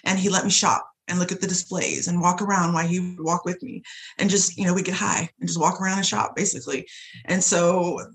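A woman guest casually telling stories about her family and her shop, swearing often and acting out dialogue with big swings in pitch. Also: brisk, low-quality recording. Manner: animated, profane, swings pitch widely in retold dialogue. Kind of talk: casual storytelling chat.

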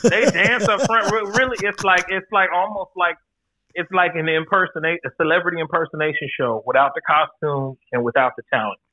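On a dry, tinny phone-like line, a man in his 40s guests on a podcast, chatting casually with plenty of candor and swearing. His slightly high voice comes across brisk, pushed, and bright.

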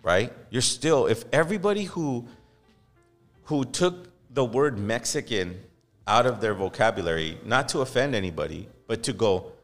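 Here a man with a medium pitch and lively intonation hosts a podcast at a moderate pace, his casual talk turning heated. Hailing from Los Angeles, he's impassioned and profane and likes to mock people in quoted voices. Faint music and long hall reverb color the podcast studio recording.

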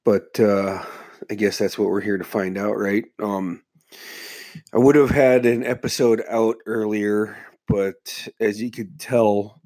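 Warm in tone and fairly low, with fairly even intonation, his voice moves slowly as he hosts a casual solo podcast. A stuffy nose and slight cough have him muffled and congested, and he rambles in a relaxed way, swearing a lot.

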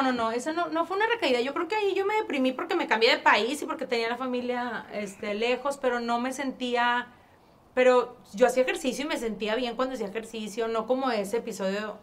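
A woman from northern Mexico with a northern Mexican accent, telling her story as an interview guest in a casual, animated way, acting out past conversations and often restarting her sentences. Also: on the high side. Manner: animated, acts out past dialogue, frequent restarts.

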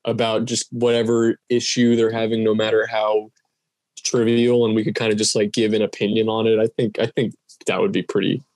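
A man's voice: on the low side, little pitch movement, a little fast, darkish tone, no room sound. Hesitant young man, dry close sound. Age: 20s. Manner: rambling, hesitant, many restarts. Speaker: podcast co-host. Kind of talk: casual chat.

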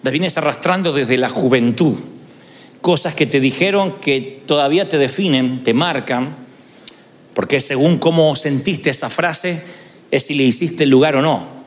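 A man's voice: medium pitch, measured pace, big-room sound. A man preaching a sermon in a church, telling stories and acting out inner voices. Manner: animated storytelling preacher, acts out inner voices. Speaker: pastor.

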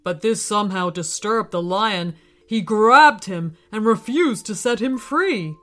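A woman voicing a wise gorilla and a vain lion in a storybook, in a slightly lower, measured voice. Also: expressive, fairly bright tone. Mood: calm, wise.

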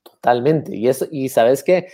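A Guatemalan man with a dark, mellow voice and a Guatemalan Spanish accent. He tells his story as a podcast guest in a casual, animated way, stumbling through restarts and fillers. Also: mid-range voice, unhurried. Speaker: brewery founder, podcast guest. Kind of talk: casual interview talk.

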